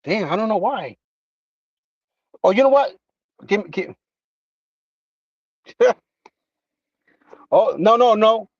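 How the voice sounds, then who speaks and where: A man's voice: high-pitched, animated, takes it slowly, pauses often, breathy edge, no room sound, distant mic, dull audio. A man hosting a casual livestream who rambles and restarts, with lots of fillers as he talks to his chat. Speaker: livestream host.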